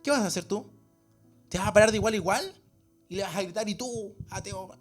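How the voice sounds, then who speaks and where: A man's voice: high voice, animated, fast, soft background music. A man with a Chilean accent preaching an earnest, conversational sermon in a church, often acting out the voices of the people he quotes. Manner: earnest, acts out quoted voices, restarts words.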